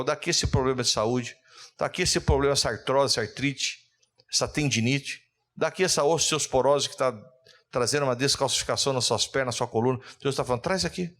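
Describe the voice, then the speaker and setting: A man pastor, preaching a fervent sermon that rises into loud calls and readings from scripture. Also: medium pitch.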